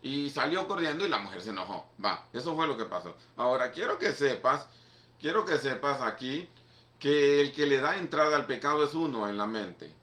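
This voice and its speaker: Pastor hispano predicando en sala con eco. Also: male voice, mid-range voice, expressive, moderate pace, fairly bright tone, roomy sound. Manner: conversational, emphatic preaching with repeated "mira" and "¿ok?". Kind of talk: sermon.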